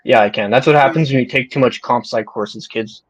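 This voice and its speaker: A man's voice: medium pitch, brisk, slight background noise, low-quality recording. A young man co-hosting a math chat over a video call, thinking aloud as he answers and adding jokey asides. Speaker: co-host answering questions. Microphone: video call mic.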